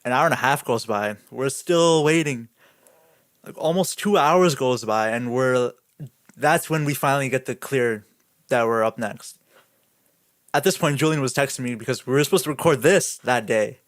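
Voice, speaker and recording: A man's voice: medium pitch, normal speed, dry recording. Young man telling a story, laughing. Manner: animated storyteller, laughs often, says "like" a lot. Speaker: podcast co-host. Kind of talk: casual chat.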